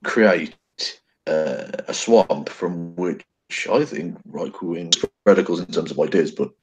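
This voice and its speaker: A man talking haltingly over a video call whose connection keeps breaking up. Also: low voice, noisy background. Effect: breaking-up internet call connection. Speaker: guest commentator. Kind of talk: casual online discussion over a video call.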